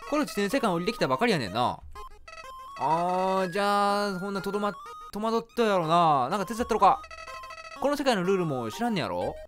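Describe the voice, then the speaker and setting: Give me a man playing a lively, sing-song game flower in a Kansai accent, sweet on top and nasty underneath. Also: sits high, fairly quick, over music. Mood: friendly. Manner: chirpy sing-song friendliness turning snide. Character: two-faced talking flower, sweet then vicious.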